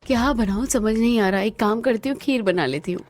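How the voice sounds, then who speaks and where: A woman's voice: a little high, a little fast, a little hiss or hum. A woman performing the dialogue of a cartoon family drama in a dramatic, scolding manner. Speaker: voice actor for several characters.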